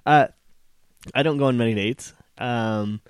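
A man's voice: medium pitch, measured pace, smooth, dry recording, studio quality. A young man hosting a podcast, telling a long story in casual chat, full of fillers. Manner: rambling storyteller, many fillers. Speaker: podcast co-host.

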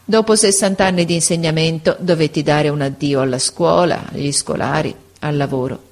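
A woman voicing a frail, gentle old male schoolteacher in an audiobook, speaking slowly and tenderly. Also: low voice, steady tone. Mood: sorrowful. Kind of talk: audiobook character voice.

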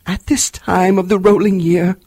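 A man voicing the mournful, stern ghost of a dead miser, declaiming slowly with anguish. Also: sits high, level tone, darkish tone, no echo, voice pushed up.

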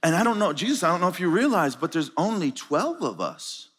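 A preacher playing a doubtful, slangy disciple. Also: male voice, high-pitched, big pitch swings, a little fast, fairly bright tone, slightly rough, exaggerated voice. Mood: doubtful, chummy. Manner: casual slangy banter, calling him man and bro. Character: bewildered male disciple, doubtful and chummy. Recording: reverberant conference hall.

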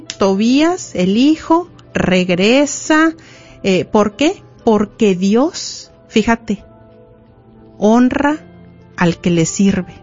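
A woman's voice: high-pitched, a little mellow. A woman preacher giving an emphatic sermon, speaking straight to the mothers in her audience. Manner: emphatic, addresses listeners directly. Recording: muffled lo-fi recording with faint music.

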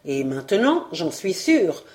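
A woman reading a novel aloud, voicing a weary, detached male journalist in a low, slow, flat voice. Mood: reasoning.

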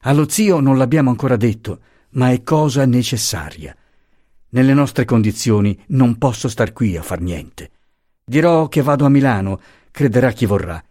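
A man reading the lines of a resolute, tender young husband who speaks in a hushed way. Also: mid-range voice, lively intonation, moderate pace, dry recording, studio quality, close to an everyday voice.

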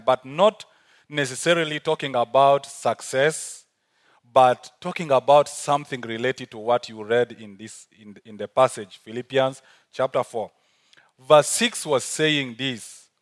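A guest speaker with a South Sudanese accent preaches a sermon in church, his mid-range voice clean in tone. He speaks earnestly and repeats key phrases for emphasis.

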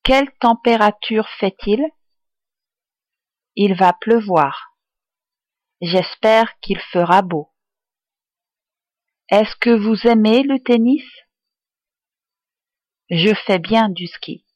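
A woman tutor reading useful phrases aloud for learners, enunciating each one clearly and deliberately. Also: mid-range voice, a little mellow, no room sound. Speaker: language tutor.

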